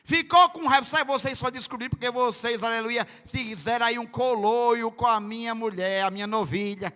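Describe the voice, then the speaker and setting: Brazilian northeast pastor, super high bright voice, big echoey church, gets loud out of nowhere. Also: male voice, normal speed, smooth. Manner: preaching with sudden loud bursts and dramatized quotes. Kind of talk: Pentecostal sermon. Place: large church hall. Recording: reverberant church sound system.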